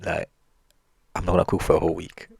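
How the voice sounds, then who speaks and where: A man's voice: deep voice, monotone, moderate pace, vocal fry, slightly rough, dry recording, full character voice. Annoyed village wife, as a man tells it. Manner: demanding.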